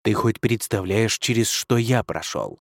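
A man's voice: lowish voice, animated, measured pace, vocal fry, dry recording, full character voice. A man doing a cold stern dragon lord. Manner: cold, curt, commanding. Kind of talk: audiobook reading.

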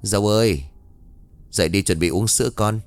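A man voicing a bad-tempered young father who scolds his wife in a gruff manner. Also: lowish voice, normal speed, no echo, faint music behind, lightly acted. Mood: stern.

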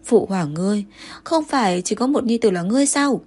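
A fiery young consort, proud and jealous, snaps back in sharp, indignant retorts, as a woman puts her on. The voice sits at an ordinary middle height with a soft, husky grain. It plays as an audiobook role. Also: medium pitch, lively intonation, fairly quick, lightly acted. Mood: accusing.

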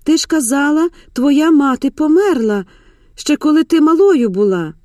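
A woman reading the part of a shocked, desperate young woman, with a high, strained, pleading delivery. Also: lively intonation, measured pace, warm tone, no echo, studio quality. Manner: pleading, raised and shrill.

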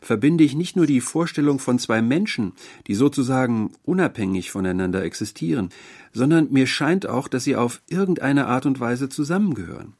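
A man's voice: mid-range voice, lively intonation, normal speed, darkish tone, pitched above the performer's own voice. A man voicing a curious young male lodger, polite and eager, with an earnest, inquisitive manner.

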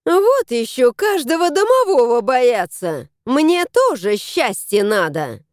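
A woman voicing a greedy, shrill older nanny who gloats and shouts, in a fairy-tale audiobook. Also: very animated, slow, no room sound, clean studio sound, exaggerated voice. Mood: gloating.

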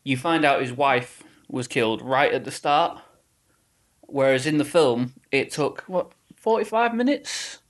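A man talking casually with friends about a film adaptation. He speaks at a middling pitch and keeps restarting his sentences as he goes. Now and then he quotes a line in a dry, put-on voice. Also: expressive, unhurried. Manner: chatty, restarts often, quotes lines in dry put-on tones. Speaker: podcast co-host. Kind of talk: casual chat.

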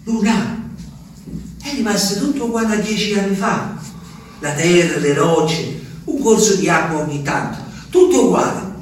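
Here the same Abruzzese peasant character, played by a male actor with a high voice and lively intonation, sounds uneasy as he tells of his journey. His dramatic stage monologue stays halting and repetitive, lurching from murmur to shout. Faint noise sits under a very echoey, distant stage recording.

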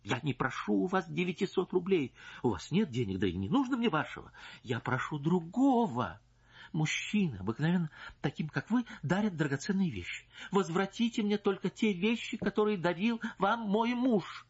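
A man voicing a distraught, indignant married noblewoman who pleads and accuses in a shrill, strained voice. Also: big pitch swings, normal speed, slightly rough, lo-fi sound, exaggerated voice. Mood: pleading.

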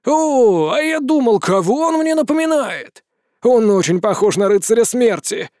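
A man voicing an excitable male demon servant who talks eagerly and fawns on his master. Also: very high voice, normal speed, no echo, studio quality, pitched above the performer's own voice. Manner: eager, storytelling, fawning.

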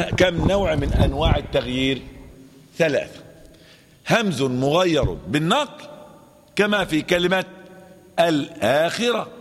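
Egyptian sheikh teaching in a reverberant hall. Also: male voice, fairly high pitch. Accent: Egyptian Arabic. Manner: asks and answers his own questions, repeats key terms. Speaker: sheikh teaching Quran recitation rules. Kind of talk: classroom lesson with chanted recitation examples.

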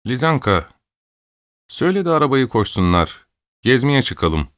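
A man reads an audiobook, raising his pitch above his own natural voice to play an old, imperious countess who scolds, complains and gives orders. The result is a medium-pitched, fairly bright voice with big pitch swings at normal speed, recorded cleanly in a studio with no echo.

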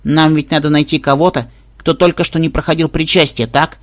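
A reader doing a bored, deadpan young woman. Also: medium pitch, a little fast, natural voice. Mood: matter-of-fact. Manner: bored, matter-of-fact.

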